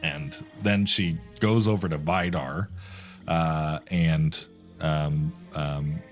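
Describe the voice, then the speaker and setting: A man narrating a tabletop game as game master, rambling and halting with many fillers. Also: a bass voice, fairly even intonation, soft background music.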